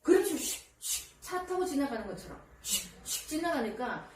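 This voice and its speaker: A woman giving parenting advice in casual counseling talk, lively and animated, often acting out a child's voice. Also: high-pitched, brisk. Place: counseling room indoors. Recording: echoey room from a distance, faint ambient noise.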